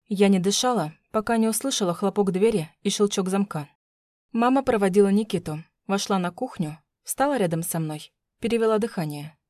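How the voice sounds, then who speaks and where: A woman narrating a first-person audiobook in a calm, even storytelling voice. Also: medium pitch, a little fast, dry recording, clean studio sound.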